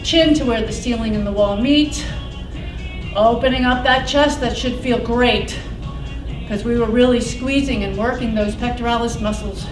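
Casting: female aerobics instructor, high voice, slow deliberate cues, encouraging, middle-aged. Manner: upbeat, encouraging, counts down repetitions out loud. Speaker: fitness instructor. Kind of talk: aerobics instructor cueing a class. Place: indoor exercise studio with wooden floor. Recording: roomy, distant mic, loud background music. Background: workout music.

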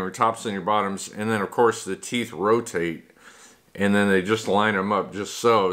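Man in braces, bright low voice. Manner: rambling, matter-of-fact, with fillers and restarts. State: wearing braces with elastics, slight lisp. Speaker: vlogger. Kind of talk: casual talk to camera.

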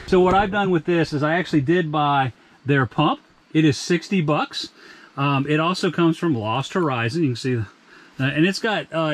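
Middle-aged male vlog host, fairly high voice, chatty and plainspoken, camp gear review, faint outdoor hiss behind. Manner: chatty, plainspoken, with frequent restarts. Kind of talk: casual product review vlog. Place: outdoors in a forest campsite and inside a rooftop tent.

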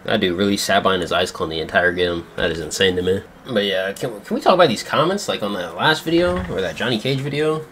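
A man's voice: low voice, expressive, fast, hardly any pauses, a bit bright, a little hiss or hum. A young man giving casual commentary on his own video game matches in a slangy, profane, sarcastic way, with frequent swearing. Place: indoors at a gaming setup in a dim room. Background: game music.

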